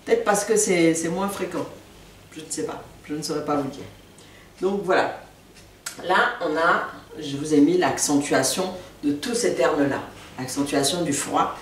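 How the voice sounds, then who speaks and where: A woman giving a relaxed spoken language lesson, repeating each new word slowly and patiently. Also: sits low, slight background noise. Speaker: language teacher. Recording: echoey room, mic at a distance.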